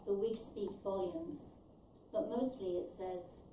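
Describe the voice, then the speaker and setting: Reading her own short story slowly in a small indoor venue with a stage, a very mellow middle-aged woman speaks in a mid-range voice. She was born in Ireland and raised in London, and the recording is roomy and distant, with slight background noise.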